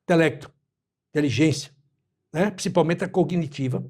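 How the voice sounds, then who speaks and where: A man in his eighties from Brazil, speaking as an interview guest in a measured, reflective way and quoting scripture and proverbs. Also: on the high side, a little mellow. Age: 80s. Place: his home.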